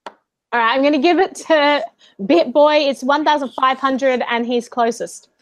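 A woman's voice: high-pitched, normal speed, no echo, low-quality recording. A woman hosting a quiz show in a casual, playful style, reading out questions and chatting with the contestants.

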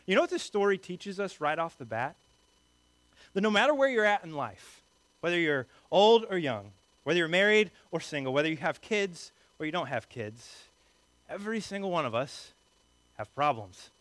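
A male preacher whose voice sits a bit high and sounds close and dry. He preaches in a lively, conversational, joking manner, talking directly to his listeners. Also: normal speed, dry recording. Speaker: pastor. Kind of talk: sermon.

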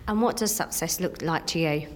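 A woman's voice: deep voice, normal speed, a little hiss or hum, rough recording. A woman interviewer asking questions in a conversational way. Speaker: interviewer, host.

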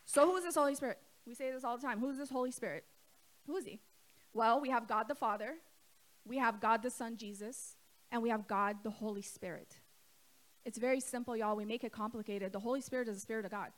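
A woman's voice: fairly high pitch, quick pace. A woman pastor preaching a sermon in a conversational way, asking her congregation questions and talking to them directly. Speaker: co-lead pastor.

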